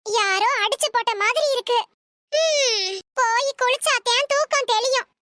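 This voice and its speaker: A woman plays a bossy old cartoon mother-in-law with a very high, bright voice. She grumbles sleepily and barks orders. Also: measured pace, a little hiss or hum, full character voice. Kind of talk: comic cartoon dub.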